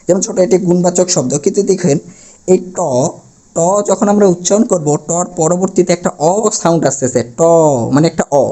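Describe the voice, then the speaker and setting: A man's voice: sits high, fairly quick, few pauses, mellow. A male teacher from Bangladesh giving a grammar lesson at a board, asking questions and answering them himself. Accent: Bangladeshi Bengali. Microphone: camera he adjusts himself.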